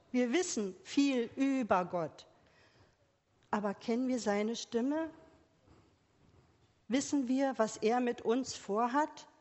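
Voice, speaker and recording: A woman preaching a gentle sermon to a congregation with children, asking many quiet questions. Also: on the high side, highs cut off. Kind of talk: slow sermon for church and children. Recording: long reverb of a church hall.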